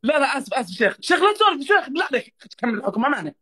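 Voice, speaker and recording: A young man in playful livestream banter, excitable and pleading in manner. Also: extremely high pitch, very fast. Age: young adult. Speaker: livestream prankster. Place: small indoor room.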